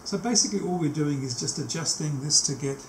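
A camera mic in a small, cluttered workshop records a technician in his sixties with a slightly high voice. Without a script, he demonstrates a tape machine setup hands-on, explaining as he goes and often stopping mid-task. The room echoes and carries faint background noise.

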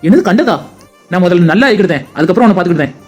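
A performer voicing a young husband in a cartoon, bantering quickly with his grandmother. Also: high voice, animated, darkish tone, soft background music. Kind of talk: cartoon voice acting.

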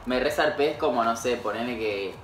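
A young man from Argentina with an Argentine accent, chatting casually, joking loudly and swearing freely with his friend. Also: medium pitch, fairly quick, roomy sound, slight background noise, rough recording. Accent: Argentine Spanish. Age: young adult. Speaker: game contestant. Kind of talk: casual chat. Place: indoor living room, seated on a couch.

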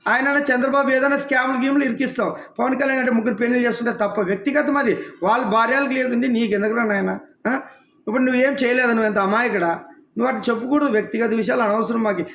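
A man's voice: very high-pitched, racing, fairly bright tone, reverberant. A man from the region giving an impassioned political rant, scolding his target with one rhetorical question after another. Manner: scolding, rhetorical questions, addresses listener as nuvvu. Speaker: devotional channel speaker.

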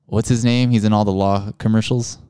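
Male host, deep and mellow, loose and profane, asks questions like he's talking to an old friend. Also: fairly even intonation, brisk, clean tone, dry recording. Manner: laid-back, swears freely, says dude a lot. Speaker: podcast host. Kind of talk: casual interview chat.

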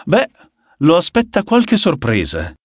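A man's voice: a little high, huge pitch swings, takes it slowly, no room sound, studio quality, voice pushed up, exaggerated voice. A man voicing a sneering, hot-tempered young man in an audiobook, mocking and taunting.

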